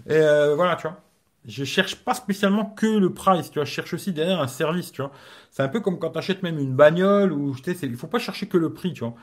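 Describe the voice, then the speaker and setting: A man's voice: on the high side, expressive, fairly quick. A man hosting a casual live stream as a tech reviewer. He talks in slangy, rambling French and keeps adding "tu vois".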